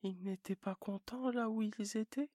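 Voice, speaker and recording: A narrator voicing a gentle, curious little boy prince in a whispered role-play, hushed and slow. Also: mid-range voice, dry recording, studio quality, close to an everyday voice.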